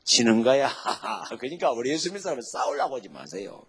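A male pastor preaching a sermon emphatically, swinging between loud exhortation and low quiet asides and calling on the congregation to say amen. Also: sing-song, fairly quick, husky. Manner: asks the congregation to say amen and repeat lines.

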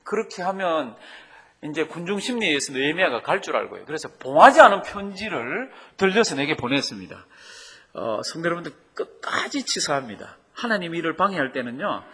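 A male pastor delivers a sermon in a husky, slightly raised voice. His pitch swings widely as he keeps asking the congregation questions. His delivery stays animated throughout. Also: a little fast.

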